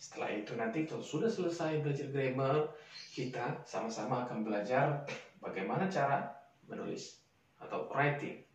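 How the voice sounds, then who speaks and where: A man's voice: mid-range voice, normal speed, far from the mic. A man giving a casual spoken lesson, explaining step by step and sounding out example words again and again. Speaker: English teacher. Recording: echoey room, voice set back from the mic.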